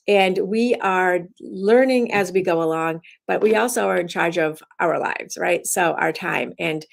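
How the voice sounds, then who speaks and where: A woman's voice: lowish voice, gravelly. A woman instructor giving her daily message as rambling casual talk, often restarting her sentences. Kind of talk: casual self-recorded talk.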